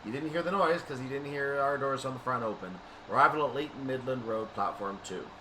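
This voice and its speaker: Steady noise sits under a man's fairly quick, mid-range voice as he commentates on a train simulator. Every so often he slips into the manner of a station announcer.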